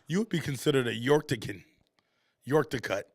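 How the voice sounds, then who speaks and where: A man's voice: medium pitch, moderate pace, no echo, clean studio sound. A man from Connecticut co-hosting a casual podcast, rambling and teasing, often repeating his words before his point comes out. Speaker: podcast co-host. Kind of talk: casual chat.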